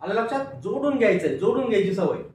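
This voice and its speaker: A man's voice: high-pitched, expressive, fast talker, a little mellow. A male teacher giving a phonics lecture, patiently sounding out each word and repeating it for pupils to read along. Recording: echoey room from far off, faint noise.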